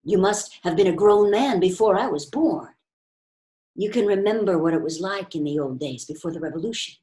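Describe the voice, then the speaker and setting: A man's voice: sits high, a little mellow. A woman reading a tentative, earnest young man. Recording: roomy echo.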